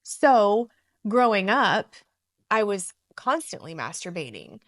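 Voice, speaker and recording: A middle-aged woman co-hosting a podcast, telling stories in a blunt, profane, animated way. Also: medium pitch, slow pace, dry recording, clean studio sound. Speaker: podcast co-host. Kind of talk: casual chat.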